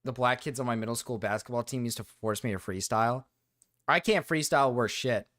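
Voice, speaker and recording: A man's voice: medium pitch, brisk, fairly bright tone, no room sound, clean studio sound. A man streaming live, chatting casually in a rambling, self-interrupting way and laughing often.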